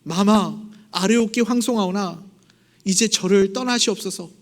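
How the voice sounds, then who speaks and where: A wronged young maidservant from a period drama begs for her life in high, raised tones, as a male preacher puts her on. She speaks in old-fashioned courtly language. The voice stays high and urgent throughout. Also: normal speed, in a large hall. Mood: humble. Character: wronged pregnant young maidservant, pleading and desperate.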